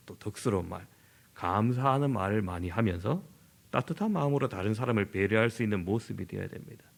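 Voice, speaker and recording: Man, middle-aged, from southern Korea, senior pastor, sermon, gravelly voice, very expressive pitch. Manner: animated, acts out everyday dialogue in lively voices.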